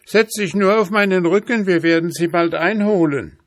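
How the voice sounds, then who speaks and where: Shrill magic storybook horse, very high and urgent, voiced by a man. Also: normal speed, dry recording, studio quality, lightly acted. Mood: alarmed. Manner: shrieking, urgent.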